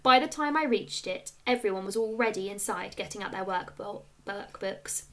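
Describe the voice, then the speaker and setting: A woman with a medium-pitched voice reads a children's story aloud at normal speed, like a schoolteacher, narrating expressively with clear storytelling emphasis.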